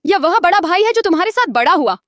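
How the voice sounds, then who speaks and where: A woman's voice: very high-pitched, big pitch swings, fast talker, a bit bright, no room sound, studio quality, heavily acted. A woman voicing a doting middle-aged mother who scolds her younger son in a dubbed drama. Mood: scolding. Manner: scolding, indignant. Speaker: dubbing actor.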